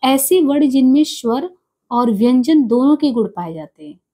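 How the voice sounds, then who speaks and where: A woman teaching an exam-prep grammar lesson, explaining step by step and repeating each sound and letter slowly. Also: sits high, expressive, mellow, husky.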